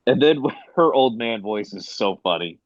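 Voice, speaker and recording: A man's voice: fairly low pitch, lively intonation, moderate pace, no echo. Man hosting a chatty podcast. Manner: laughs often, leads the discussion. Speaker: podcast host. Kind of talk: casual chat. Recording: dry, dull lo-fi mic.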